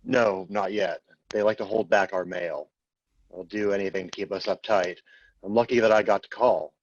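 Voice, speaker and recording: A man reading the part of a jailed brother, speaking in a steady, resigned, reflective way in a staged play reading. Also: fairly low pitch, moderate pace, natural voice. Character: incarcerated adult brother writing home, weary. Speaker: play reader. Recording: muffled lo-fi with faint noise.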